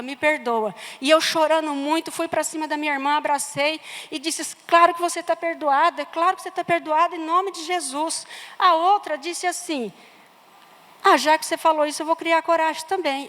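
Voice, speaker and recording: In a church sanctuary, a woman with a Brazilian Portuguese accent preaches a sermon, telling a personal story with emphatic repetitions. Her voice is high and a bit bright, and the recording carries church hall reverb.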